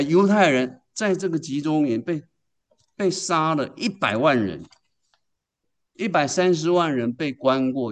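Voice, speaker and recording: A man with a voice of ordinary pitch preaches a sermon to his congregation. He tells the story with strong emphasis and keeps putting questions to his listeners before answering them himself.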